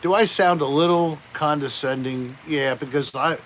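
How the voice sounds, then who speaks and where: A man hosting a casual live chat, greeting viewers by name in a relaxed, chatty way. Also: fairly high pitch, normal speed, a little hiss or hum, rough recording. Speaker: livestream host.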